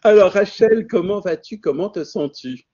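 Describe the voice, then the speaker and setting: A man's voice: high-pitched, animated, normal speed, warm tone, highs cut off. A man hosting a webinar and interviewing a guest in a friendly, reassuring way over a video call. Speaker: webinar host.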